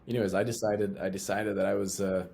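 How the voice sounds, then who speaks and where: Low, mellow-voiced young man from Utah. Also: little pitch movement, fast, a little hiss or hum. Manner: repeats and restarts phrases. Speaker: guest. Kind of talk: casual interview talk.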